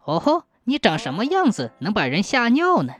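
A woman's voice: a little high, wildly swooping pitch, moderate pace. A woman voicing a frightened stonemason who talks in flustered exclamations. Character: frightened young man, a stonemason.

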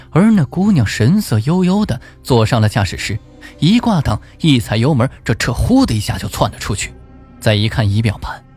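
A male storyteller narrating with an expressive, suspenseful delivery, his pitch rising and falling a lot. His voice sits at a middle pitch, and soft music plays quietly behind him. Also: breathy edge. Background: faint music.

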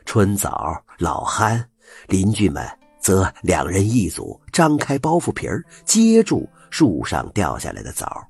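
A man telling a folk tale with an animated, expressive delivery. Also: low voice, a little slow, creaky, slightly rough, dry recording, soft background music. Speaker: storyteller.

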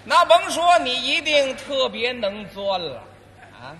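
Man, crosstalk straight man, skeptical, high bright voice, hall reverb. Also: very animated. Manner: questioning, skeptical, quick retorts. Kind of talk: live crosstalk banter.

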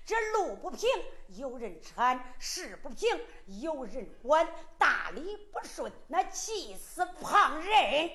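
High, swooping Henan storyteller woman. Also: big pitch swings, slow, hardly any pauses, bright, forceful tone. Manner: dramatic, exclamatory. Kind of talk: sung-spoken Henan ballad storytelling.

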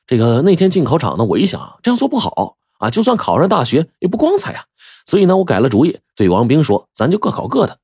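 A man voicing a carefree young male student who talks in a casual, unhurried way. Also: mid-range voice, wildly swooping pitch, darkish tone, breathy edge, no room sound, studio quality. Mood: nonchalant.

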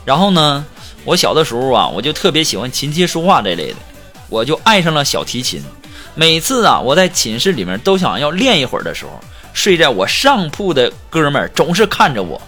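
Chatty guy cracking jokes, kinda high voice, bouncy delivery, music underneath. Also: brisk. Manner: lively anecdotes with laughing asides. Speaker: comedy podcast host. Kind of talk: joke storytelling. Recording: music bed behind voice.

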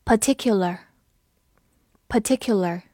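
A woman teaching English vocabulary in a lesson, spelling words letter by letter and reading example sentences slowly for listeners to repeat. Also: mid-range voice, mellow, no echo, studio quality.

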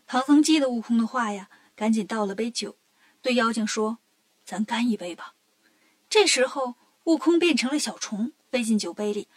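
A woman reading a children's story aloud in a lively, expressive way. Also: a little high, no room sound.

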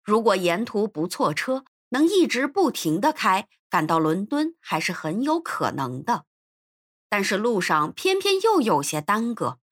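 A woman narrating an episode of a classic adventure novel in an expressive storytelling manner. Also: medium pitch, unhurried, no echo, studio quality. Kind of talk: scripted narration.

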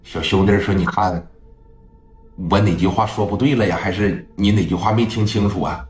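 Nie Lei, a man doing a low, cool gang boss. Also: steady tone, darkish tone, close to an everyday voice. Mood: cold. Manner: curt, measured, deliberate. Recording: echoey room, faint music.

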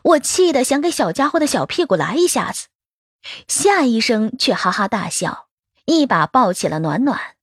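A woman reading a first-person story aloud as an audiobook narrator, expressive in her telling. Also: on the high side, normal speed, slightly rough, dry recording, studio quality.

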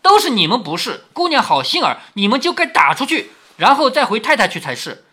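A tactful young head maid, as a man reads her out in a storybook reading, firm yet placating. Her voice comes across bright and husky. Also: very high-pitched, huge pitch swings, a little fast, heavily acted.

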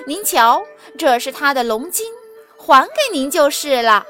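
A woman voicing a brave, eager seven-year-old boy who talks quick and childlike in a storybook tale. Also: high voice, very animated, over music. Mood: earnest.

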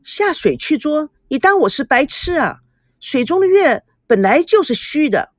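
An exasperated young man sighs and grumbles with wry patience, as a woman reader puts him on. His voice is lively and fairly high. The booth is dry and close. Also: normal speed, no echo.

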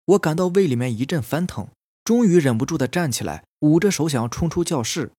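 A man calmly narrating a first-person horror story as a podcast storyteller, with a husky voice. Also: medium pitch, dry recording, studio quality. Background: faint eerie background music.

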